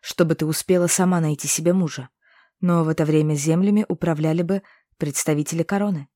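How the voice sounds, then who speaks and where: A woman voicing a calm young male inquisitor who explains things patiently and teases gently. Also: deep voice, quick pace, no room sound, studio quality, natural voice.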